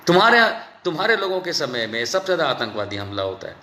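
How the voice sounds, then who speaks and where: A man's voice: a little high, very animated, quick pace, sharp tone, echoey room. A man giving an angry political rant, mocking and scolding in a sarcastic way. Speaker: political commentator.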